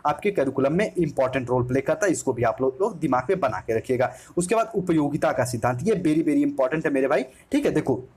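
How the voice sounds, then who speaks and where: A man's voice: mid-range voice, expressive, fast talker, few pauses, darkish tone, slightly rough. A man teaching an exam-prep lecture, explaining each point by restating it and calling his listeners "my brother".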